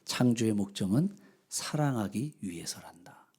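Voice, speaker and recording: A man voicing God as a gentle, fatherly figure who speaks low and soft, almost in a whisper. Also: very animated, normal speed, creaky, husky, exaggerated voice. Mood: tender.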